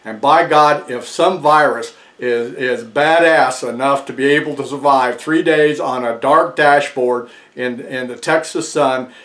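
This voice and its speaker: A man's voice: medium pitch, measured pace, hardly any pauses, a bit bright. An American man in his sixties giving a casual explanatory talk to camera. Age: 60s. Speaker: video presenter. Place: small furnished room indoors, seated in armchair. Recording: echoey small room.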